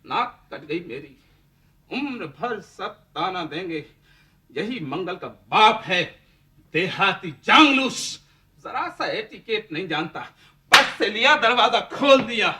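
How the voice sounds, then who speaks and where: A drunken young son lashing out at his father in a stage play, played by a man. His high, bright voice is sarcastic and defiant and swings sharply. The sound carries from some distance away. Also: lively intonation, slow pace, exaggerated voice. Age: young adult. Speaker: son, Mangal.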